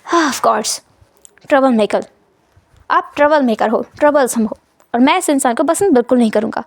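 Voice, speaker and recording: A woman's voice: high voice, moderate pace, gravelly, no echo, pitched below the performer's own voice. Woman doing a cool, serious little boy. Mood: dismissive. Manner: cool, dismissive. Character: calm, serious small boy.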